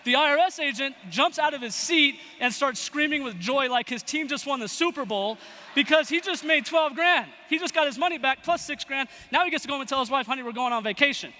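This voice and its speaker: A young man giving a motivational talk to a live audience, telling a story with lively acted-out quotes. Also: very high voice, fairly quick. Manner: animated storyteller acting out quoted voices. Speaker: motivational speaker. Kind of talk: storytelling keynote speech. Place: large event hall. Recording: long hall reverb.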